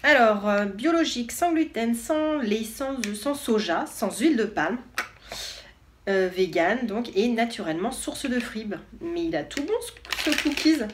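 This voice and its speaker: A woman's voice: on the high side, animated, measured pace, noisy background. A woman vlogger chatting casually and enthusiastically as she unboxes products, with lots of hesitation fillers.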